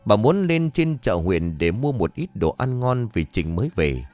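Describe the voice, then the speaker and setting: A man narrating a scripted horror story in a dramatic, expressive telling. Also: lowish voice, unhurried, faint music behind.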